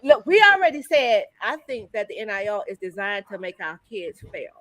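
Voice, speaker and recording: An upbeat woman hosts a live-streamed talk show over a video call, chatting warmly to the viewers at an average pitch. She sounds folksy and talks to them like family. The sound is close and dry. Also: big pitch swings, fairly quick, no echo. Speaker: host.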